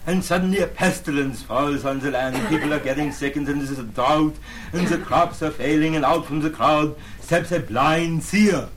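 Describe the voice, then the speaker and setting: A man's voice: on the high side, normal speed. A man telling a story as a wry, theatrical mock-professor in a comic lecture to a live audience. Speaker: comedian narrator and lecturer. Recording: noisy live stage recording.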